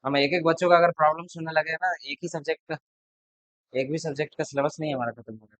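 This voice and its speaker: A man's voice: on the high side, steady tone, fast talker, fairly bright tone, no room sound, rough recording. A man tutoring a class, talking casually and bluntly to his students between problems. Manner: blunt, chatty, lecturing. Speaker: math tutor.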